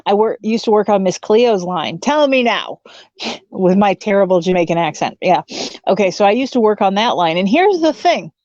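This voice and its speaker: A woman's voice: medium pitch, animated, brisk, darkish tone, dry recording. A woman in her forties, a tarot reader guest chatting casually, joking and laughing often. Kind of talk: casual live-stream chat. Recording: dull lo-fi stream audio.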